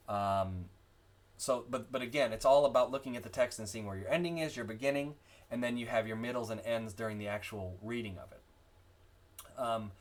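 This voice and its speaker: A man explaining how to chant readings, talking with many fillers and restarts while walking through his marked-up text. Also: mid-range voice. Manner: breaks into sung chant examples. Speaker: church music instructor. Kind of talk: screen-share chant tutorial.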